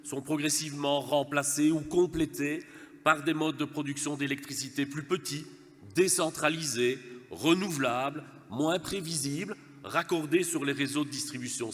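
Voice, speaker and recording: A man from Verviers in eastern Wallonia, Belgium, speaking for a gas and electricity network company, gives a formal conference talk in a large hall. His Belgian French accent comes through a cold-stuffed nose, and his fairly bright, high-leaning voice moves at normal speed, mixing light humour with frequent stammered restarts.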